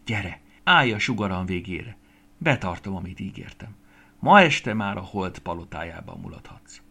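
A man's voice: low-pitched, animated, creaky, pushed and bright, husky, full character voice. Man doing a proud, commanding star queen. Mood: inviting. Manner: commanding, stern. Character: proud grand female evening star, hostess of the ball.

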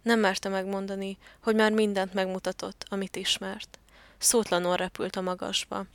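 A woman narrating a children's storybook in a calm, even reading voice. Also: mid-range voice, no echo.

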